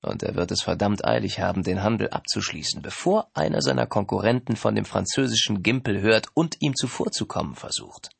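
A man voicing a young woman who plays a French agency's assistant on the phone, businesslike and calm. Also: lowish voice, fairly quick, gravelly, hardly any pauses, husky, no room sound, exaggerated voice. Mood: amused.

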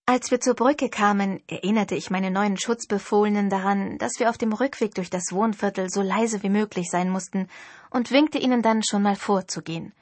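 A woman narrating a first-person novel in an expressive storytelling way. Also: medium pitch, normal speed, dry recording. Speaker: audiobook narrator.

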